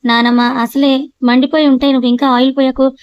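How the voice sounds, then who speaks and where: A woman's voice: high-pitched, flat delivery, a little fast, clean tone, dry recording, highs cut off, natural voice. A woman voicing a flustered, irritable young husband in an audio story. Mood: exasperated. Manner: exasperated, protesting.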